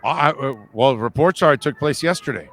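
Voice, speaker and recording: A man's voice: mid-range voice, brisk, fairly bright tone, a little hiss or hum. A man hosting a sports talk show, chatting casually and putting questions to his guest.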